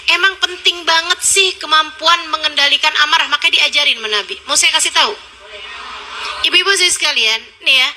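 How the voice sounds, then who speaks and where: Lady preacher giving an animated sermon, high bright voice, bit of noise behind. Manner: animated, acts out quotes, switches tone often. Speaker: Islamic preacher. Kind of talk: lively sermon to a women's study group.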